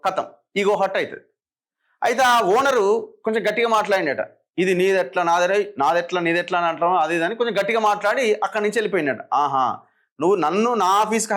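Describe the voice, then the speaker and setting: A man's voice: sits high, a bit bright. A man with a Telangana Telugu accent giving opinionated political commentary, firing sarcastic rhetorical questions.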